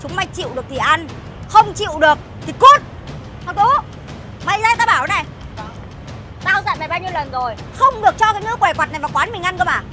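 Rude, bullying noodle shop owner. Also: female voice, very high voice, expressive, fast talker. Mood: scornful. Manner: scornful, insulting, bossy. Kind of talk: web sitcom acting. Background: background music.

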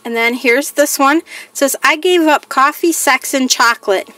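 A crafting vlogger with a slightly higher-pitched voice does a casual show-and-tell of her haul, reading each item aloud in a plain, list-like way. She's chatty and unhurried, and her tone is bright and forceful.

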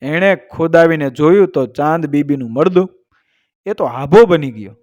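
A male storyteller, narrating a folk tale in a lively way that is full of proverbs. His voice sits slightly high for a man. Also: normal speed, dull audio.

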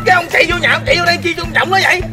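A man playing a shrill, stammering panicky girl. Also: racing. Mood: panicked. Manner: stammering, repeating words in panic. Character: shrill panicky young woman, easily frightened. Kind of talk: comedy prank skit. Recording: loud music and crowd noise behind.

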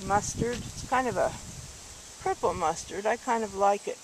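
A hiker narrates a casual video of her walk along a rural road at dusk, thinking aloud and correcting herself as she films with a handheld camera. She talks at a normal speed, and the camera mic picks up faint outdoor noise and distant highway traffic.

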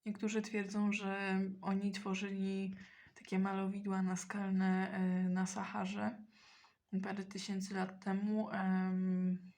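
A woman talking casually in a mukbang while eating, hesitant and often pausing mid-sentence to think. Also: medium pitch, monotone, a little mellow. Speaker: mukbang vlogger.

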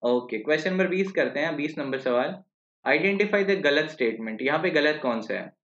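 A man's voice: a little high, animated, normal speed, fairly bright tone. Chatty male biology tutor, echoey lo-fi. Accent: Indian English. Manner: chatty, quizzes students and answers for them; mixes Hindi with English terms. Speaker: biology teacher. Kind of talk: live online exam-prep class. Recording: echoey, dull lo-fi live stream audio.

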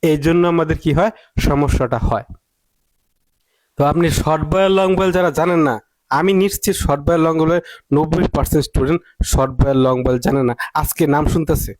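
Male English tutor, higher-pitched, drills with rhetorical questions, dry close mic. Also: fast talker, a little mellow, no echo. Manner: emphatic, repeats points and asks rhetorical questions. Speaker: English teacher. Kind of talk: spoken English lesson.

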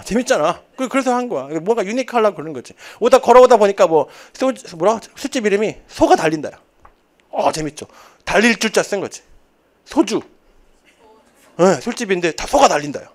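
High-voiced male English test instructor in his thirties, animated and jokey, given to chatty tangents mid-lecture. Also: fairly quick. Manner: joking, chatty, rambling asides. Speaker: TOEIC instructor. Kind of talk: lively classroom lecture. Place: lecture classroom.

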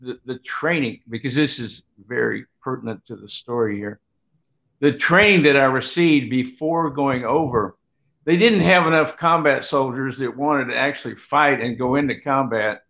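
A man in his seventies reminiscing as a veteran in a halting, unhurried, rambling grandpa storytelling way. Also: medium pitch, gravelly, a bit bright. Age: 70s. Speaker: guest, Vietnam veteran. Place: home room, on a video call. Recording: dull, lo-fi video call audio.

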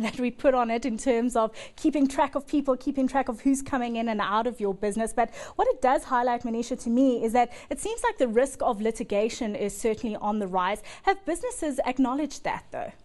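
A woman, hosting a business interview in a TV studio, brisk and probing. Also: a little high, expressive, a little mellow. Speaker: TV business presenter.

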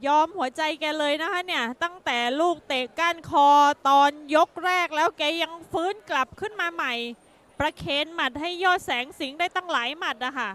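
A woman giving excited, conversational boxing commentary as a co-commentator. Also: very high voice, normal speed.

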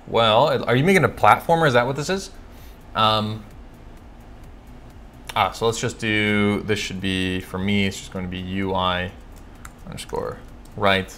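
A man from California hosting a casual live coding stream, chatting and thinking aloud, reading code out slowly with lots of fillers and self-corrections. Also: lowish voice, bright, forceful tone, a little hiss or hum. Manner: reads code aloud slowly while typing. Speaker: livestream host answering coding questions.

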